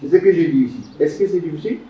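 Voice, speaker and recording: A man's voice: a little high, racing, mellow. Man teaching Hebrew in an echoey classroom. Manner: repeats words, quizzes the class. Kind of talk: classroom lecture. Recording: roomy, distant, dull lo-fi classroom recording.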